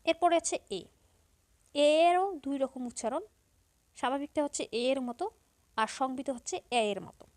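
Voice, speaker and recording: A woman teacher explaining pronunciation to school students, repeating example words slowly and step by step. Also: high-pitched, animated, darkish tone. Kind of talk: Bengali grammar lesson for school students.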